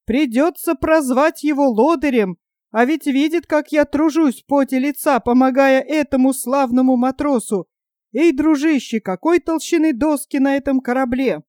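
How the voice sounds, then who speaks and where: Bragging cowardly male sidekick, fussy bluster, read by a woman, high, dry. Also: normal speed, a little mellow, no echo, natural voice. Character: boastful, cowardly male companion, chattering.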